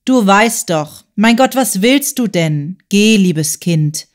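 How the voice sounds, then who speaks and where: A woman's voice: mid-range voice, lively intonation, takes it slowly. A woman voicing a tormented, proud male writer in an audiobook, with an urgent, strained, insistent delivery. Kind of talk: audiobook character voice.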